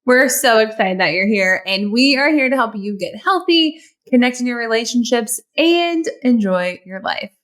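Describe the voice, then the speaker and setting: A woman co-hosting a podcast, chatting casually and teasing her co-host with quick interjections. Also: a little high, lively intonation, a bit bright. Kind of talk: casual chat.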